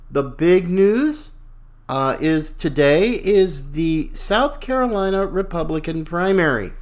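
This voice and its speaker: A man hosting a talk show with casual, folksy, opinionated and slangy political commentary. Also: fairly high pitch.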